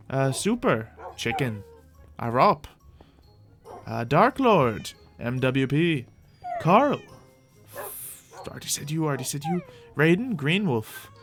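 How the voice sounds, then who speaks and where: This streamer's voice runs high and creaky. He offers casual, meandering gameplay commentary, playfully speaking both to himself and to the game's animals.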